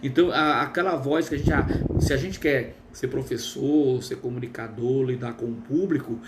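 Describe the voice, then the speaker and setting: A man, hosting a casual live stream as a therapist, chatty and full of fillers, with a trained, smooth voice. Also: medium pitch, normal speed, a little hiss or hum. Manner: chatty, reads viewer comments aloud with many fillers.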